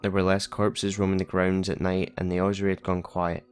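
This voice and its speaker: Low-voiced male narrator for a first-person horror story, steady and measured, with soft music underneath. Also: smooth.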